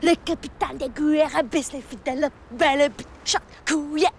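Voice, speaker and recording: An actress playing a wild young woman who rants and shouts slogans in a film scene, with traffic noise outdoors. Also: sits high, a little slow, gravelly. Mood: ranting. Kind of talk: film acting.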